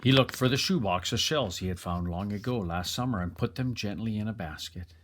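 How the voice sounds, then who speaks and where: A man reading a children's story aloud in an expressive narrating style. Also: fairly low pitch, brisk. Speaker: storybook reader.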